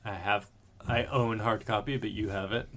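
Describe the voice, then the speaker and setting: On the low side with fairly even intonation and a fairly bright tone, this thirtysomething podcast co-host talks at normal speed. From his home, he rambles through a casual chat, correcting himself and occasionally swearing, over slight background noise.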